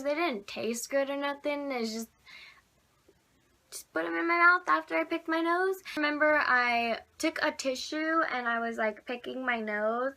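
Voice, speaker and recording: A woman's voice: a little high, sharp tone. A young woman vlogging on her phone, telling stories in a chatty way, full of "like". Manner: chatty, peppered with "like". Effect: recorded on a phone. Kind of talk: casual storytelling to camera. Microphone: phone camera.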